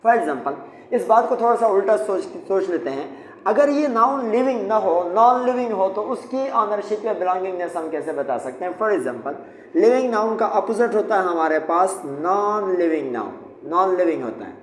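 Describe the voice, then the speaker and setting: At a normal pace and with lively intonation, a high-pitched man gives a classroom lesson on English grammar at the whiteboard. He explains patiently, step by step, repeating key points, while the room echoes and faint noise sits underneath.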